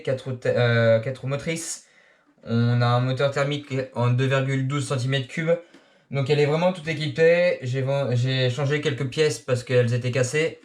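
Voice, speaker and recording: Young male RC YouTuber from France, late teens, halting casual delivery, average pitch. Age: young adult. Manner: hesitant, many filler sounds. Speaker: RC hobby YouTuber. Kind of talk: casual self-introduction. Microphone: action camera.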